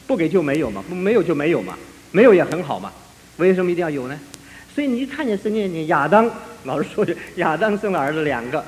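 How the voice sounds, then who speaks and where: A man delivers a sermon with a lively, swooping pitch, hammering home points by repeating phrases. His voice sits somewhat high for a man. It rings with a long reverb in a hall, over a faint background hiss. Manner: animated, repeats phrases for emphasis. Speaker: preacher.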